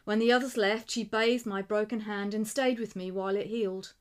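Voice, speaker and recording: A man's voice: high-pitched, clear, resonant tone, close to an everyday voice. A woman playing an eager young writer. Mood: excited. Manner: excited, quick, rising with enthusiasm.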